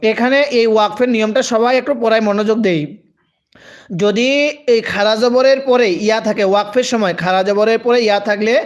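A man's voice: sits high, fairly even intonation, fairly quick. A man who teaches Quran reading live, spelling out letters and vowels, drawing out each word, and urging listeners to read aloud with him. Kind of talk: live Quran reading lesson, call-and-repeat.

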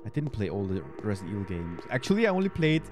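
A man in his thirties from Austria streams a game and offers casual let's-play commentary, thinking out loud and replying to chat. He's a native Spanish speaker who speaks English with a German accent, using a headset mic at his desk. His voice is on the low side, very animated and quick, with soft music playing behind him.

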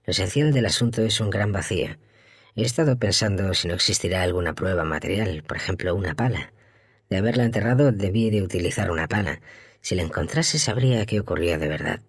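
A man voicing a calm, troubled male actor who speaks in a halting, uncertain, musing way. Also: deep voice, dry recording, studio quality. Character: troubled male actor, calm, confused about his own guilt.

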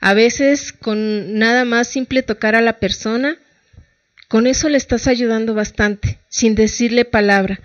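A woman's voice: a little high, steady tone, unhurried, no room sound, muffled recording. A middle-aged woman psychologist with a Mexican Spanish accent, giving colloquial advice and asking her listeners rhetorical questions. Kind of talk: talk-show advice talk.

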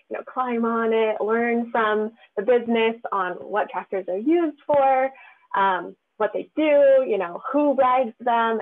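A woman presenting in a casual webinar over a video call, explaining in a friendly way with frequent fillers. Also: on the high side. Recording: tinny phone-like webinar audio.

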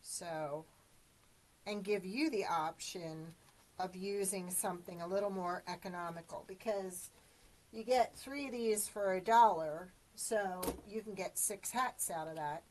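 Over a rough recording, a woman with a darkish, mid-range voice and measured pace hosts a live craft tutorial. She greets viewers, explains each step in a chatty manner, and coughs occasionally after choking.

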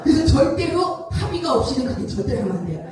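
A woman with a high, lively voice tells a joke to a class, laughing through it. She is heard from far off in a very echoey hall, with a crowd of listeners around. The sound has a long, roomy reverb. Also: quick pace, faint music behind. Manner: laughing through her telling. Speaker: singing class instructor.

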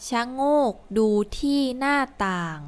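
A woman slowly reading a children's story and then drilling letters and vowels aloud, word by word, as a teacher. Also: sits high, expressive, clear, resonant tone. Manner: slow, deliberate, word-by-word reading. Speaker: teacher reading a first-grade Thai textbook.

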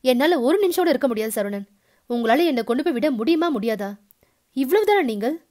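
A woman reads a young woman in a storybook, frantic and desperate, demanding to be taken away at once. The voice is high and urgent. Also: expressive, a little fast. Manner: frantic, shouting.

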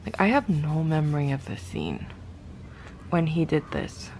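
A woman's voice: deep voice, big pitch swings, unhurried, gravelly, darkish tone, a little hiss or hum, rough recording. A young woman chatting casually about a book she is reading, exasperated and sometimes dropping to a whisper. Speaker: book vlogger. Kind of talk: casual reading vlog chat.

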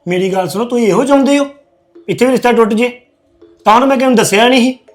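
A man's voice: very high-pitched, very fast, soft background music. A man plays a grown son who insistently argues back at his mother. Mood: arguing. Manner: argumentative, insistent. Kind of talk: family web series acting.

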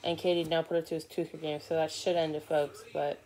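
This teenage vlogger's voice is a little high, a little fast and a little mellow, with little pitch movement, as he rambles through couch-side basketball commentary packed with fillers and restarts. A phone or laptop camera below him captures a rough recording with soft background music in his living room.

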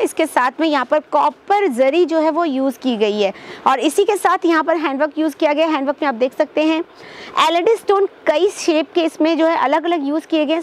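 High-voiced young woman pitching sarees. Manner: upbeat sales pitch, addresses viewers as friends. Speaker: presenter of a wholesale saree showroom video. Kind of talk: promotional vlog presentation. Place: indoor textile shop with stacked saree shelves.

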